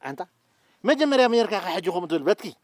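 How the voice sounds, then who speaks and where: A man's voice: high-pitched, very animated, rapid-fire, no room sound. A man playing a blustering sitcom father. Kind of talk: sitcom acting.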